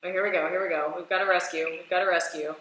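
A woman's voice: on the low side, fast talker, a little hiss or hum. Woman chatting in a very echoey room. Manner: animated, chatty, explains with laughs. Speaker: scuba diving instructor. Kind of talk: casual reaction commentary. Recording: very echoey room, faint ambience.

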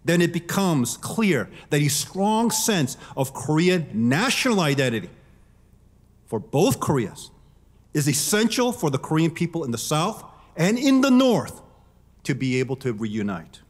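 A middle-aged man giving a formal prepared keynote speech from a podium, measured and emphatic. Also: fairly high pitch, sing-song. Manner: measured, emphatic, gestures while speaking. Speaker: keynote speaker. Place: large conference hall. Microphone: podium microphone. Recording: long reverb of a large hall.

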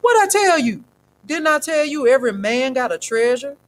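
A woman voicing an old homeless man who speaks in a slow, folksy, wry way. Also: sits high, voice pushed up, lightly acted, low-quality recording.

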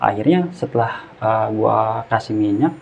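A man's voice: on the low side, animated, unhurried, vocal fry. A man telling a story in casual slang and acting out the dialogue. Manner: slangy Jakarta-style speech, acts out dialogue. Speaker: guest storyteller. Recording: muffled lo-fi with faint hiss.

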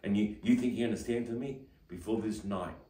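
A calm, grave Jesus, as a male preacher voices him, low and quiet. He speaks unhurriedly, in a roomy space from a distant mic. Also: fairly quick, lightly acted.

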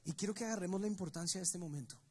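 A man's voice: sits high, very fast, dark tone, slightly rough. A man preaching a sermon to his church, telling the story with emphasis and speaking straight to the congregation. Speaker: pastor. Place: church service.

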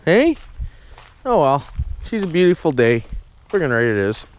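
Very animated and on the high side, a rural Ontario man talks to camera at normal speed during a casual outdoor vlog around a campground, trail and lake. He leans on folksy, slangy tag questions again and again. His handheld action camera delivers windy, noisy audio.

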